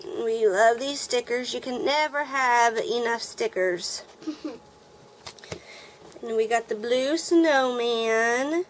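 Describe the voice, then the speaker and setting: A middle-aged woman who gushes with excitement and thanks the sender over and over as she unboxes swap gifts in a casual chat. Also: a little high, takes it slowly, slight background noise, poor audio. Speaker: nail art vlogger opening a swap package.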